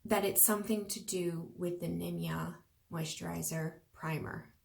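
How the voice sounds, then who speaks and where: A woman's voice: lowish voice, steady tone, measured pace, vocal fry, a little mellow. A young woman beauty vlogger in a casual product review, chatty and full of fillers, musing aloud to herself.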